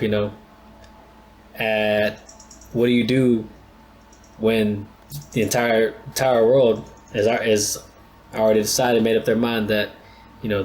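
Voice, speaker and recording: A man's voice: on the low side, a little hiss or hum. A man hosting an anime reaction channel, talking casually and thinking aloud in a rambling, laid-back way with many restarts.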